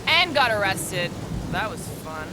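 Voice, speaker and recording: A cool wry assassin in a game, moves her pitch around a lot, loud rain noise. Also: very animated, a little slow. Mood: dry. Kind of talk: video game dialogue.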